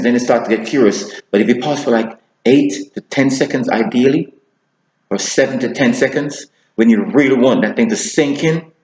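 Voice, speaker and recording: A man teaching public speaking, talking to camera and deliberately shifting his pace, slowing down for emphasis. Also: medium pitch, darkish tone, roomy sound, poor audio. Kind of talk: instructional talk to camera.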